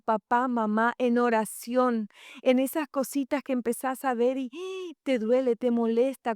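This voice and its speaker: A woman's voice: a little high, darkish tone, clean tone, no room sound, clean studio sound. A woman co-preaching a sermon about parenting, who explains points and asks the audience questions. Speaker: co-speaker, pastor's wife.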